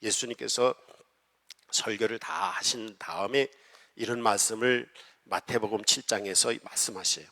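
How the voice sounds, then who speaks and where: A man preaching a sermon as pastor, emphatic and rising and falling in loudness as he draws replies from the congregation. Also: on the low side, moderate pace. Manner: emphatic preaching that rises and falls in loudness, coaxing the congregation to respond. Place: church sanctuary. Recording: long hall reverb in a church.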